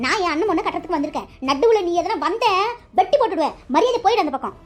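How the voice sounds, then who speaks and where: Brief: bullying aunt, played by a woman, high and quick, full of threats. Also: animated, faint music behind. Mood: threatening. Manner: threatening, mocking. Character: bullying aunt pushing her son's marriage. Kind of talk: cartoon dialogue.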